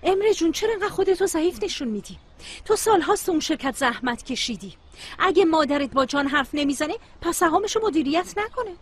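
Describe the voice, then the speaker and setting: A woman's voice: extremely high pitch, lively intonation. A woman dubbing a scheming young woman pressing her boyfriend to call his parents. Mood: persuasive. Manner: persuasive, pushy. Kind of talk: Persian dubbing of a TV series.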